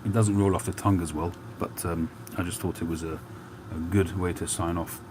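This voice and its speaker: In a relaxed live chat, a very deep-voiced host speaks in a steady tone with a Cockney and North London accent from England. He takes his time, meandering and pausing often with fillers, as traffic and street noise are clearly heard around him.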